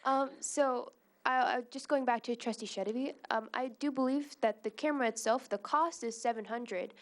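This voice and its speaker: A female trustee at a mock board meeting, asking pointed questions with halting restarts. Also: on the high side. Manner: halting, repeats words while framing questions.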